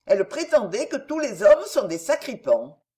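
A woman's voice: very animated, normal speed. A woman reading an audiobook, voicing an outspoken, cheeky young girl with a raised, pert tone. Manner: pert and forthright, higher and brighter than the narration. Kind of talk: audiobook character dialogue.

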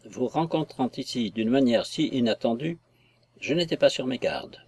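A man's voice: mid-range voice, expressive, normal speed, a little mellow, slightly rough. A man reading as an ardent young lover. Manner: fervent, pleading.

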